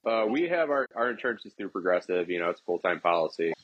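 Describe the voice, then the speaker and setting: A man in his thirties, a podcast guest, telling a rambling story in a relaxed way with restarts and chuckles. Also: deep voice, fast talker, slightly rough, dry recording, muffled recording. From Ohio. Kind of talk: casual storytelling.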